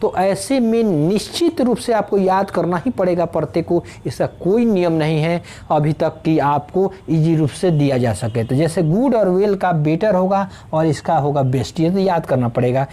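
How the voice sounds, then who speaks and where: A woman teaching an English grammar lesson, explaining slowly, spelling out letters and pausing with fillers. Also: lowish voice, warm tone.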